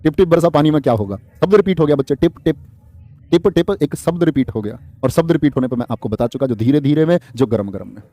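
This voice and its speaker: Lively teacher quizzing his class. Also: medium pitch, fast, no room sound. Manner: lively, quizzing students, reading out their comments. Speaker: Hindi exam-prep teacher. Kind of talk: live online class.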